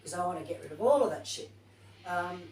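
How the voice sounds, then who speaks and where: A woman's voice: lowish voice, animated, a little fast, darkish tone, a little hiss or hum. Woman, yoga teacher trainer, chatty and informal, recorded from a distance, roomy echo. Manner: chatty, informal, thinks aloud while reading. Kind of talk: casual group class talk. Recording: distant, echoey room recording.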